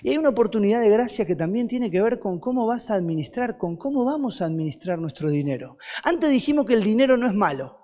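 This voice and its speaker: A man with a Rioplatense Spanish accent delivers a sermon in a high, bright register. He preaches with animated energy, throwing rhetorical questions at the congregation and answering them himself. His voice rings through a large church hall with a long echo trailing after each phrase. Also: fast talker, few pauses. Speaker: guest preacher.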